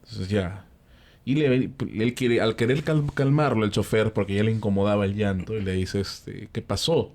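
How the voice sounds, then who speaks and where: A man with a Peruvian accent telling a ghost story in a relaxed panel chat, acting out the characters' lines and using frequent fillers. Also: lowish voice, normal speed. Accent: Peruvian Spanish. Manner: animated storyteller who acts out the characters' lines; frequent fillers and tag questions.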